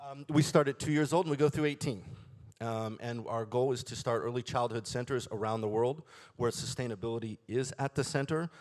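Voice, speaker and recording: A man who heads a school, speaking on a conference panel in a steady, earnest way. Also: mid-range voice. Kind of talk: panel discussion.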